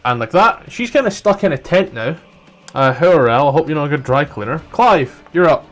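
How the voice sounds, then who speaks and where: A man's voice: fairly high pitch, expressive, normal speed, fairly bright tone. Guy game mastering a tabletop rpg, jokey and sweary, casual, bit of music in the back. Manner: joking, profane. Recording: music playing behind. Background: background music.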